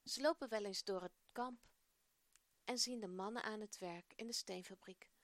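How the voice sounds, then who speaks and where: A woman storyteller reading a children's Bible story aloud in a gentle, expressive voice. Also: medium pitch, moderate pace, no echo.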